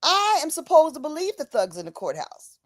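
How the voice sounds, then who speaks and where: This impassioned livestream comes from a woman with a high voice that swings hugely in pitch, delivered briskly. She's casual and filler-heavy, repeats phrases for emphasis and calls out to "y'all", all on a dry, clean studio recording.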